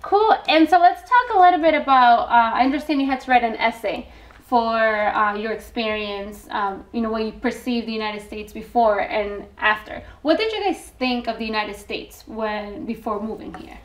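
A woman's voice: a little high, normal speed. A young woman hosting a studio interview in a TV studio, friendly and encouraging, with short acknowledgements. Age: young adult. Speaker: host.

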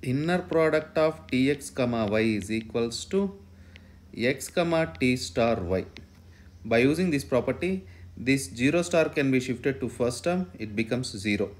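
A man's voice: mid-range voice, animated, measured pace. A man lecturing on mathematics step by step, dictating and repeating phrases as he writes out the working. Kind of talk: step-by-step lecture while writing out a proof.

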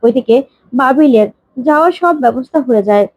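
A woman retelling the episodes of a TV serial in brisk, plain narration. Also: high-pitched, lively intonation, no room sound, muffled recording. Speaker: storyteller recapping a TV serial. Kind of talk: story recap narration.

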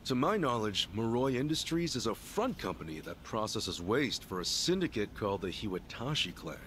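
An actor playing a modest, earnest job counselor in a video game, speaking formally and courteously but firmly. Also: male voice, lowish voice, sing-song, normal speed, a bit bright, slight background noise. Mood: polite, probing.

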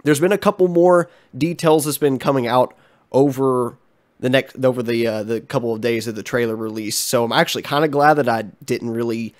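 A man's voice: mid-range voice, fairly even intonation, brisk. A young man with a stuffy, congested voice, talking through a casual commentary vlog as its host, chatty and frank with many ums and uhs. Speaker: channel host.

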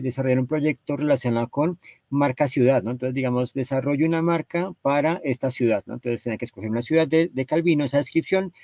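A man's voice: medium pitch, darkish tone, dry recording. Guy lecturing on book covers, lots of "¿no?" and "¿cierto?", kinda hesitant, dry close sound. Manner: hesitant, constantly tags phrases with "¿no?" and "¿cierto?". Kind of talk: explanatory slide talk.

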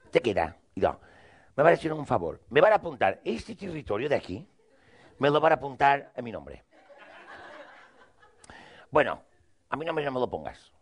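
A man telling a rambling, crude comic monologue in character, acting out both sides of the dialogue. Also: medium pitch.

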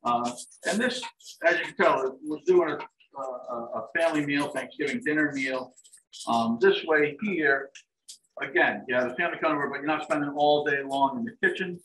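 This is a live cooking demonstration by a middle-aged chef and dining services director in a large home kitchen. His fairly high voice moves at a moderate pace as he casually explains every step, often adding "um" and "like I said." He's captured from afar by a fixed camera across the counter, with echo, a faint hiss, and turkey sizzling in a pan.

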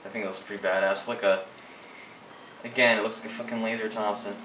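A young man with a low, flat, sharp voice gives fast live gameplay commentary indoors at a computer. He swears and grumbles in frustrated outbursts at the game, recorded from a distant mic in a noisy, echoey room.

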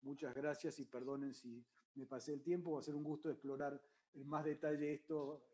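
A man pitching his startup on a video call, measured, with small hesitant restarts. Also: level tone, warm tone, poor audio.

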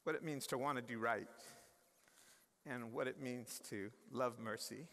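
A man's voice: mid-range voice, a little slow, a bit bright. A man in his forties giving an earnest, conversational chapel address on a university stage, with frequent restarts and fillers. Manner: gestures and moves about the stage. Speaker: chapel speaker. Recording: long reverb of a large hall.

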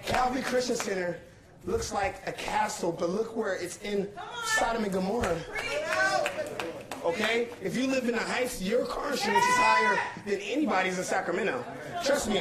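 Young man pleading loudly in echoey hall. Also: high-pitched. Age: young adult. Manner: urgent, pleading, repeats himself to hold the room. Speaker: protester addressing a council meeting. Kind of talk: impassioned public address. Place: large crowded council chamber. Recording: echoey chamber with loud crowd. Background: shouting crowd.

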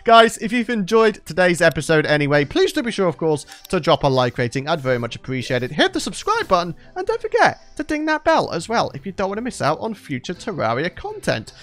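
Sitting high with wildly swooping pitch, his fairly bright voice moves a little fast with hardly any pauses. He's a young, regular gaming channel host running a let's play, chatty and upbeat, laughing often and talking to viewers despite sounding worn out from recording late at night.

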